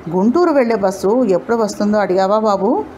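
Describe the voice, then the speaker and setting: A woman's voice: mid-range voice, animated, a little fast, mellow, slight background noise, natural voice. A woman voicing an elderly village man, humble and shrewd, who talks in a pleading, flustered way.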